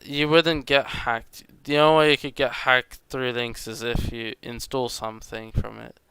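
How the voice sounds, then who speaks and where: A young man streams a driving game, teasing his co-host and patiently explaining things, his showing. His voice is bright and very clear. The sound is dry, with no room echo. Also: medium pitch, flat delivery, normal speed. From Netherlands. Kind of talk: casual chat while gaming.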